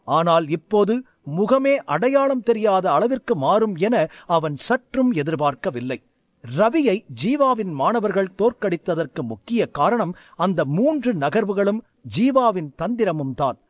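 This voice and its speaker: A man narrating a scripted fantasy story in an expressive way. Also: high-pitched, measured pace, dry recording, studio quality.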